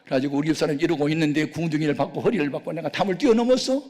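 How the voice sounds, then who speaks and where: A male pastor preaching a sermon as a folksy, animated story, acting out sound effects. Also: fairly high pitch, rapid-fire. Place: prayer retreat worship hall. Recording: long reverb of a worship hall.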